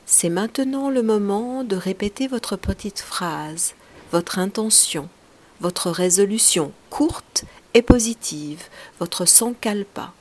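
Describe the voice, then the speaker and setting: This woman, a yoga teacher leading a guided relaxation meditation, has a medium-pitched, expressive voice. She speaks softly and soothingly in short, unhurried phrases that tend to grow breathy as they trail off.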